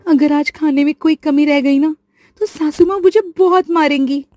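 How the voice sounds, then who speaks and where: A frightened young bride with a high, shaky voice, as a woman puts her on. She pleads and frets in a trembling, high-strung way. It is told as an animated storybook tale over soft music. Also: moderate pace. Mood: panicked. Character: timid young bride, always terrified. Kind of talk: storybook voice acting.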